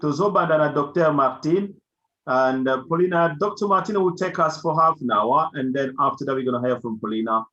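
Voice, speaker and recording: A man's voice: fairly high pitch, a little fast, pushed and bright. A man hosting an online community meeting, switching between English, Lingala and French in a casual way. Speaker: community group host. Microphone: video call. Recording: dull lo-fi video call audio.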